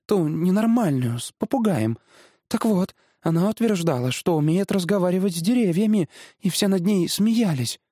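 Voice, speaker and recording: A fussy, excitable middle-aged mother, quick to fret and to gush over a new idea, as a male storyteller voices her. The voice is raised well above his own and swings a lot. It is close and dry. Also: sits high, slightly rough, no room sound, pitched above the performer's own voice. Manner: fussy, gushing.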